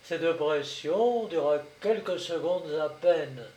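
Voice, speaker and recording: A man narrating a novel aloud in a measured storytelling manner. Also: fairly high pitch, animated, darkish tone. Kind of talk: audiobook narration. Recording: roomy, distant, dull sound.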